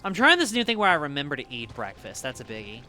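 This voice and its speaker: Very animated and fast, this woman speaks in a low voice with a sharp tone while soft music plays behind her. She's a streamer with a slight Southern US accent, gaming live, rambling to viewers, swearing freely and laughing easily.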